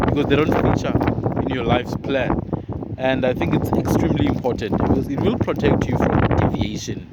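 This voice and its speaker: A man giving a casual motivational monologue, earnest and rambling, repeating words as he goes. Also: mid-range voice. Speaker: motivational vlogger. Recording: loud wind and boat noise outdoors.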